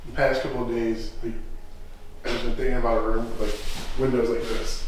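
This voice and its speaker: A man chatting casually in a halting way, peppering his talk with filler words. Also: mid-range voice, little pitch movement. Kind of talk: casual chat. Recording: very echoey, distant from mic, noisy.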